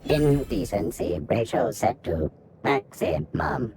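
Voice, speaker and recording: A female service robot boots up with a robotic, gravelly machine voice pitched very low. She announces each loading step slowly and stiffly, like a video game unit coming online. Clear background hum runs under the game audio. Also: very animated, exaggerated voice. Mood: booting up.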